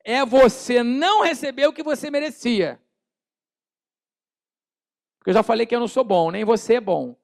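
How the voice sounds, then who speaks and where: A Brazilian pastor preaching in a church, his voice pitched high with a rough, gravelly grain. He speaks in an animated way, acting out small scenes and calling on the congregation to repeat his words. The sound is dry and close, with little room echo. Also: moderate pace, pauses often. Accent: Brazilian Portuguese. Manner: calls on the congregation to repeat phrases. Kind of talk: sermon.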